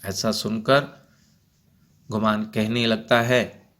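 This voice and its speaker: A male teacher reads a school play aloud, narrating the action and explaining the stage directions. His voice sits low and he takes it slowly. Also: flat delivery, fairly bright tone. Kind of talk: reading a play aloud for a class.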